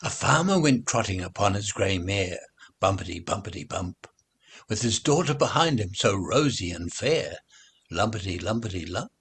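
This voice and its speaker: This is a man's husky, fairly low voice performing nursery rhymes as a children's recital, with a sing-song lilt that is expressive and deliberate.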